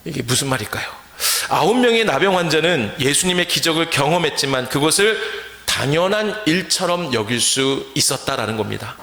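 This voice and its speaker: A man's voice: fairly high pitch, very animated, a little fast, few pauses, bright, forceful tone. A male pastor from central Korea, preaching a sermon and often asking the congregation questions to draw their answers. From Chungcheong, Korea. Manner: asks the congregation questions and leads call-and-response. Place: church sanctuary. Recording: echoey church hall.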